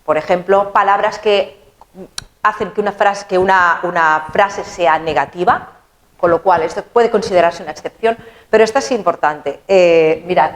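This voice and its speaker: A woman, an English teacher explaining grammar in an animated, chatty, playful way. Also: on the low side, normal speed.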